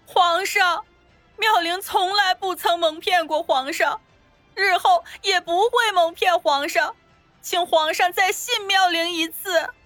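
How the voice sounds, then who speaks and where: A woman playing a high, bright, pleading young consort. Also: measured pace, no room sound, faint music behind, exaggerated voice. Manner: pleading, tearful. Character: young wronged imperial consort, pleading, desperate. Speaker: voice actor. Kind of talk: Chinese palace audio drama acting.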